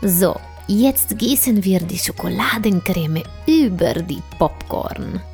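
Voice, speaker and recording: A woman's voice: on the low side, lively intonation, slow. A woman voicing a cheerful, proud male bear chef in a children's audio story, speaking in an encouraging teacher's tone. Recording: soft music underneath.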